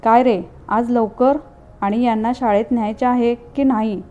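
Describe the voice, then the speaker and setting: A caring young neighbor, the older-sister type, speaks gently and coaxingly, as a woman reads her part. Her voice sits a little high. The recording sounds slightly dull and lo-fi. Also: steady tone, a little slow, natural voice. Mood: concerned. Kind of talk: storybook reading.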